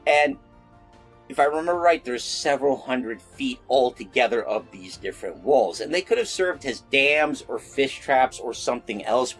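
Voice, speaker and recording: A YouTube host of mythology and folklore videos runs an informal explainer, talking in a conversational, self-deprecating way. His voice is medium-pitched and slightly rough.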